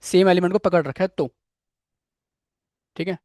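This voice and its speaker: Guy teaching html and css, highish voice, keeps checking in with students. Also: fairly even intonation, moderate pace, darkish tone, no echo, clean studio sound. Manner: asks students questions, repeats "ठीक है" often; admits struggling with a technical word. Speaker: programming instructor. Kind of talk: live coding lecture.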